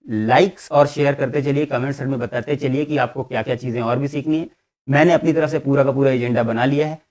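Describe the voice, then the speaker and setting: A man teaching spoken English in an online lesson, speaking with an Indian accent, correcting pronunciation and repeating each word slowly for learners. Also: medium pitch, a little mellow. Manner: drills words slowly and repeats them for learners. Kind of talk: recorded online language lesson. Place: classroom.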